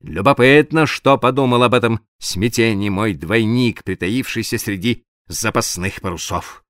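A man reading a literary audiobook aloud in a dramatic, expressive way, sometimes dropping to a hush. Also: lowish voice, moderate pace, no echo, clean studio sound. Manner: expressive, dramatic reading with sudden hushed drops. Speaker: audiobook narrator.

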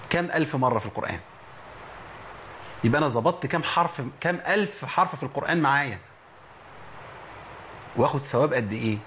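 A man with an Egyptian Arabic accent teaching Quran letter pronunciation, slowly drawing out example words between lively explanations. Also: medium pitch, a little hiss or hum. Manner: slow drawn-out demonstration of words, lively explanatory talk.

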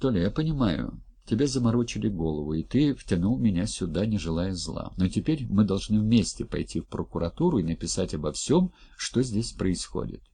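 A man giving voice to a shaken young woman who pleads with her companions, then speaks low and weary. The voice is husky with some gravel. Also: sing-song, fairly quick, hardly any pauses, warm tone, exaggerated voice. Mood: pleading.

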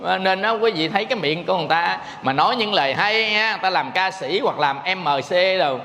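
Monk giving a sermon, kinda high voice, jokey and folksy, big echoey hall. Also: male voice, lively intonation, fast, pushed and bright, slight background noise. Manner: folksy, joking, addresses listeners as quý vị. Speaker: Buddhist monk preacher. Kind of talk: dharma talk sermon.

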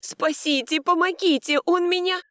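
A woman reading an audiobook and voicing a spoiled, haughty young woman with a high, squealing voice. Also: lively intonation, moderate pace, no room sound, studio quality, lightly acted. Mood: panicked. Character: shrill spoiled young woman, easily frightened.

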